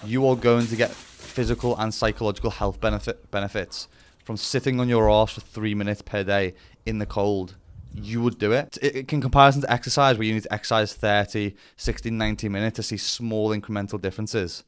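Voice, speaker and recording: A man's voice: lowish voice, steady tone, fairly quick, smooth. A man giving a casual explainer as a vlogger, talking bluntly with some swearing and self-deprecation. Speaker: vlogger presenting to camera.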